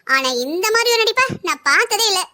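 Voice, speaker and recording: A woman voicing a bossy, sharp-tongued older sister-in-law who taunts and scolds in a cartoon family story. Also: very high voice, animated, a little fast, heavily acted. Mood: scolding.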